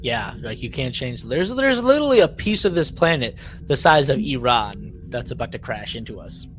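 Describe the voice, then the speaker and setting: This man co-hosts a casual podcast recap with soft music underneath. His medium-pitched, slightly bright voice swings widely in pitch at a normal speed as he talks emphatically, repeats lines for effect and performs mock quotes.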